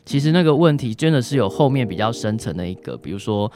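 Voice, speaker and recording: This guest doctor, a man with a Taiwanese Mandarin accent, talks quickly and animatedly at a medium pitch while answering questions informally. Small particles keep trailing off his phrases, he acts out examples in passing, and music runs underneath.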